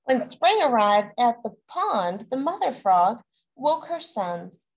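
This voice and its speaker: A woman's voice: fairly high pitch, sing-song, slow pace, rough recording. A woman reading a children's story aloud as a storyteller, adding playful asides to young listeners.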